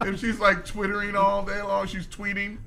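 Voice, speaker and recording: A man's voice: high voice, completely flat delivery, normal speed, noisy background. A man co-hosting a comedy podcast, riffing animatedly and laughing through his jokes. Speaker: podcast co-host. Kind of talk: casual comedic banter.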